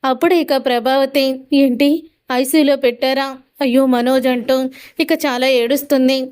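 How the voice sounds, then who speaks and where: Her voice high and smooth with a darkish tone, a woman recounts a TV serial episode at a moderate pace in a flat delivery. She narrates the story and quotes every character's lines, frequently adding "ani antu untundi."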